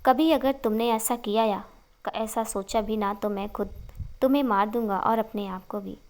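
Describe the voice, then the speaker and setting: A woman's voice: fairly high pitch, fairly even intonation, moderate pace, darkish tone, lightly acted. A woman voicing a hot-tempered young lover. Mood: stern. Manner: scolding, intense.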